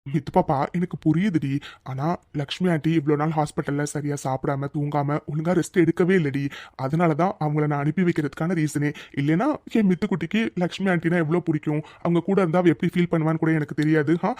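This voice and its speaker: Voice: mid-range voice, a little mellow, no room sound, clean studio sound, lightly acted. A voice actor doing a teasing cartoon husband. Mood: affectionate. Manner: affectionate teasing, quick. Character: caring young husband, playful.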